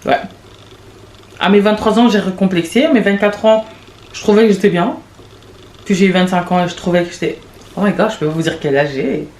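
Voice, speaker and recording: A woman in her late twenties hosting a podcast, talking in a rambling, confessional way with quick restarts and laughs. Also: mid-range voice, a little mellow. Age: late 20s. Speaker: podcast host. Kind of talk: casual confessional monologue. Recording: echoey room with faint background noise.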